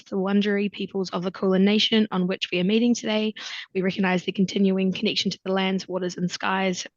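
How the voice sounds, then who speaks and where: A woman's voice: medium pitch, no room sound. A young woman hosts an online info session, chatty and loose, filling her talk with ums and likes. Her voice sits in a middle range and sounds dry. The video call audio is slightly muffled. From New Zealand. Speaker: recruitment consultant hosting a webinar. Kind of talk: casual webinar presentation.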